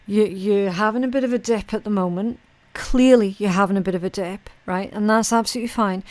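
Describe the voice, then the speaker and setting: A woman's voice: medium pitch, darkish tone. A woman hosting an informal mystical horoscope tarot reading, speaking to the viewer in a blunt, colloquial, sweary way with frequent check-in tags. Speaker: tarot reader and channel host.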